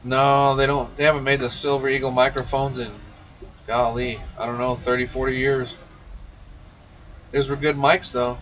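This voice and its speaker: A man hosting a CB radio shop livestream answers viewers directly in a casual, folksy, slangy way. His mid-range, slightly bright voice shows little pitch movement at normal speed. The livestream audio is muffled and noisy, with him a little way from the mic and faint noise around him.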